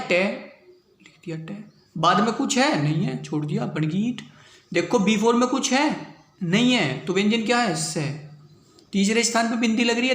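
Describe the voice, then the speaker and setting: High-voiced man teaching shorthand, echoey room. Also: a bit bright. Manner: repetitive, checks understanding with "clear hui bhaiya baat". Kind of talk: classroom lesson.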